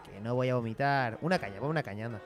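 Brash fast-talking guy. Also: medium pitch, over music. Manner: brash, says tío a lot. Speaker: sketch comedy performer. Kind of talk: comedy radio sketch.

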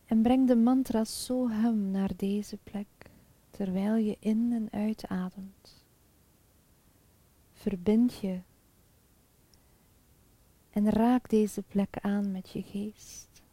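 A woman guiding a chakra meditation in a soft, calm, half-whispered spa-like voice with long pauses. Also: medium pitch, no echo. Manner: slow, calm, soothing, with pauses. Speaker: meditation guide.

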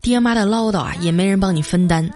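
A woman's voice: medium pitch, fast, darkish tone, faint music behind. A woman streamer telling comic stories in a chatty way, drawing out her sentence particles. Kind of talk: comic storytelling.

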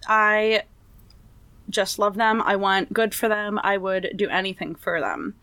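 A woman's voice: mid-range voice, measured pace, bright, forceful tone, no room sound. A woman telling stories in casual chat, laughing often and acting out quotes.

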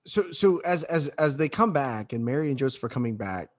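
A man co-hosting a faith-based parenting talk. He speaks candidly and haltingly, often repeating words as he starts a thought. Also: mid-range voice, lively intonation. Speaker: podcast co-host.

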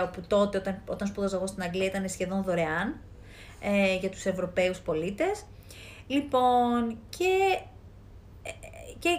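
A woman's voice: mid-range voice, a little mellow, slight background noise. A woman from Greece speaking as a life coach in an earnest motivational talk, emphatic and piling up repeated phrases.

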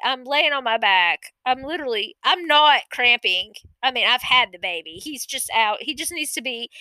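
A woman hosting a podcast, telling a true personal story in an animated way, swearing freely and acting out the quotes. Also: high-pitched, no room sound, poor audio. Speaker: podcast host.

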